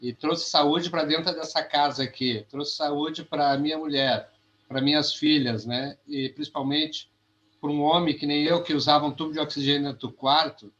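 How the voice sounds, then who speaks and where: A man giving a heartfelt, halting testimony on a video call, often repeating his words. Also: fairly high pitch, fairly even intonation, fairly bright tone, lo-fi sound. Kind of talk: emotional testimony.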